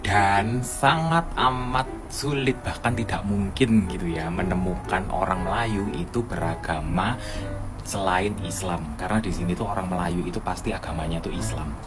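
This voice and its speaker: A man from Bali tells a personal story in a relaxed vlog style. His voice sits a little low, and his delivery is chatty and full of lively asides. Background music plays clearly under the whole recording. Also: normal speed. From Bali, Indonesia. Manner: chatty, animated retelling with asides. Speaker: vlogger living abroad. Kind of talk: casual storytelling.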